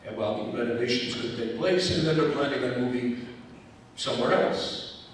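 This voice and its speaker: A man's voice: medium pitch, moderate pace, a little hiss or hum. An older man speaking to an audience as a guest speaker, chatty and wry, often restarting his sentences. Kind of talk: conversational talk. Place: large hall. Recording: echoey hall recording from far off.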